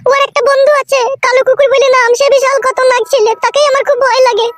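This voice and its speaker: Man acting out a timid cartoon girl, very high lilting voice, quick, soft, nervous. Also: level tone. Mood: worried. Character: timid young village girl.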